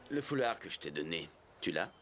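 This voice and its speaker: Deep-voiced, gruff swordsman mentor. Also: very animated, a little fast, over music. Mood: commanding. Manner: blunt, commanding, grumbling. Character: gruff, stern adult male swordsman mentor. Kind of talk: anime dub acting.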